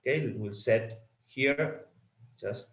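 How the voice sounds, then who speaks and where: A product trainer whose first language is Spanish leads a software walkthrough webinar, halting and repeating words as he clicks through settings. His voice is mid-range, recorded in an echoey room.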